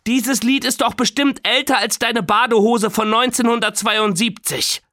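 Guy doing a whiny young girl in the back of a car, high and bratty. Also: fairly even intonation, normal speed, sharp tone, no echo, clean studio sound, heavily acted. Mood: pleading.

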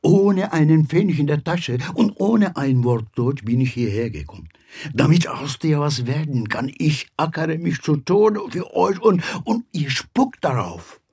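A man's voice: on the high side, lively intonation, measured pace, darkish tone, breathy edge, exaggerated voice. An actor playing a weary, proud immigrant father who scolds his son in a bitter, pleading way, in an audio drama. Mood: bitter reproach.

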